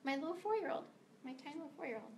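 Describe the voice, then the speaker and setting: A middle-aged woman from the United States speaks to a meeting as a guest author. Her voice sits a little high, and her delivery is earnest and emphatic. She sometimes stumbles and restarts her words, and faint noise hums underneath. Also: lively intonation, very fast, darkish tone. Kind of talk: prepared speech to a meeting. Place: meeting room of a library.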